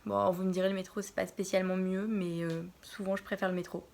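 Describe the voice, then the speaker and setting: A young woman in her early twenties from Normandy, answering Q&A questions in a casual vlog from her bedroom, pausing often to think. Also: mid-range voice, level tone, creaky, darkish tone. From France, Normandy. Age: early 20s. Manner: hesitant, pauses often to think. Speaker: vlogger.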